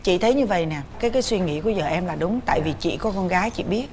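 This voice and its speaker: A middle-aged woman with a Southern Vietnamese accent, hosting a couples talk show and gently coaxing her guests. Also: fairly low pitch, lively intonation, rapid-fire, a little hiss or hum. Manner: warm, coaxing, speaking gently to a child. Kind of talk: casual chat.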